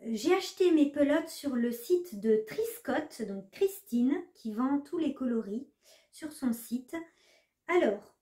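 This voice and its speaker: A woman's voice: high-pitched, warm tone. Chatty woman vlogger in an echoey room. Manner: chatty, hesitant with many fillers. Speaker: knitting vlogger. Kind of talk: casual chat to camera.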